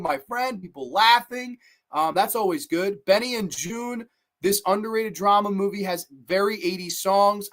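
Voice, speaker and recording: An excitable movie review host rambles through a casual live stream, swearing freely and tripping over restarts. The host gushes about favorite films and stops now and then to read viewer comments aloud. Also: medium pitch. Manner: enthusiastic, profane, rambling, with frequent restarts.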